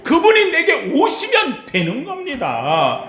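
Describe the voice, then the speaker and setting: A male pastor preaching a sermon with passion, sometimes shouting to stress his point. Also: very high-pitched, wildly swooping pitch, slow pace, roomy sound. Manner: impassioned preaching, shouting out the pleas of the blind beggar.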